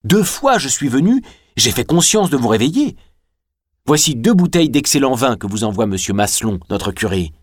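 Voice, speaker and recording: A man's voice: mid-range voice, big pitch swings, moderate pace, dry recording, studio quality, voice pushed up. A man voicing a sly, greedy giant of a jailer who talks in a falsely sweet, fawning way.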